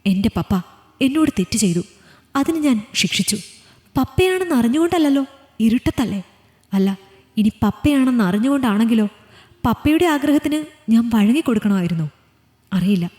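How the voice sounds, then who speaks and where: A woman voicing a young adult daughter in a storybook reading, soft and pleading. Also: fairly high pitch, expressive, moderate pace, long pauses, in a large hall, close to an everyday voice. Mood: distraught. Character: young adult daughter, tender then shattered.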